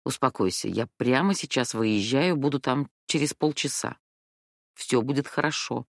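A woman reading an audiobook voices a calm, steady adult woman friend with a deep, well-trained chest voice. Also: normal speed, creaky, dry recording, studio quality, exaggerated voice. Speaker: rehearsing performer.

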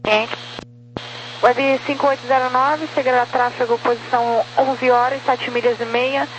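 A woman with a high voice gives air traffic instructions over the radio. Her phrasing is terse and procedural, with faint static underneath. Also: flat delivery, moderate pace. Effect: radio transmission.

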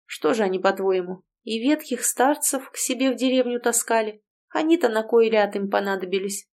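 A woman voicing a gruff, stubborn old village grandfather in an audiobook, with a grumbling, blunt way of talking. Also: on the high side, lively intonation, normal speed, a little mellow. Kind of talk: audiobook character voice.

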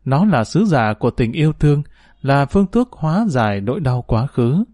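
Calm man narrating a sad story. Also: mid-range voice, no echo, clean studio sound. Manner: calm, measured, sorrowful reading. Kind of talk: scripted narration.

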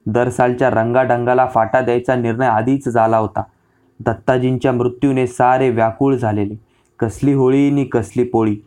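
A man narrating a historical novel as an audiobook in a measured, literary storytelling manner. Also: medium pitch, little pitch movement, warm tone, clear, resonant tone.

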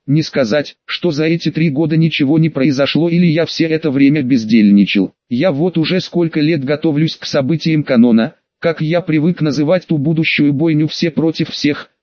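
A man reads a first-person audiobook in a steady storytelling way. His voice is fairly high and dry, with no room sound. The recording sounds dull and lo-fi. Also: no echo. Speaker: audiobook reader.

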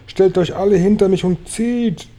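A man voicing an old, fatherly male grasshopper from a storybook, calm and firm. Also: medium pitch, a little fast, natural voice. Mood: urgent.

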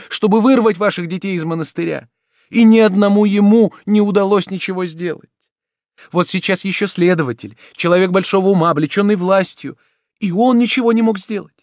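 A man's voice: sits high, a little mellow, dry recording, studio quality, voice pushed up. A man reading an audiobook voices a young noble lady, earnest and pleading. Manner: pleading, exclamatory.

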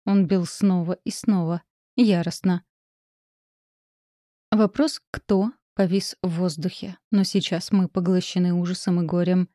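A woman narrating a first-person story in a measured, tense audiobook reading. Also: lowish voice, dark tone, no echo, studio quality.

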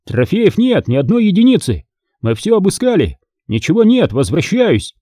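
A man's voice: high voice, big pitch swings, normal speed, mellow, no room sound, clean studio sound, pitched above the performer's own voice. A man reading an audiobook, voicing a tense young lieutenant giving clipped military reports over a crackling radio. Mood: urgent. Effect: distant radio with crackle.

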